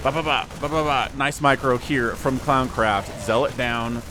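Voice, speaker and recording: A game shoutcaster casts a strategy game replay in a casual, jokey play-by-play, chatting between the action. He's animated and chatty, laughing and humming fillers, with a medium-pitched voice that runs a little slow. Background noise is present.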